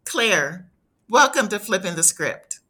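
Woman hosting a podcast, bright crisp voice, asks questions. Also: mid-range voice, sing-song, slow. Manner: reads a scripted guest introduction, then asks friendly questions. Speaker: podcast host. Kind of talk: interview.

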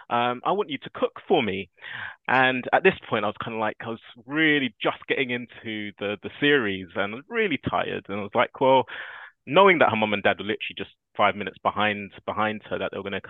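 Man, podcast guest, earnest reflective storyteller, deeper voice, thin phone-like audio. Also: no room sound. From South London. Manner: earnest, thoughtful, laughs while telling stories. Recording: dry, tinny phone-like line.

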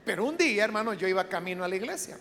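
A man's voice: high-pitched, animated, rapid-fire, gravelly, a bit bright. Male pastor, chatty sermon storyteller, long church reverb, faint hum behind. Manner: conversational storyteller, with frequent asides.

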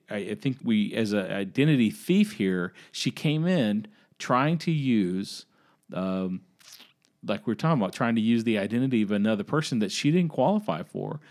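A man's voice: medium pitch, expressive, moderate pace, darkish tone. A man from the American South with a Southern accent, co-hosting a casual Bible discussion and talking conversationally, often repeating words as he restarts. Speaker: podcast co-host.

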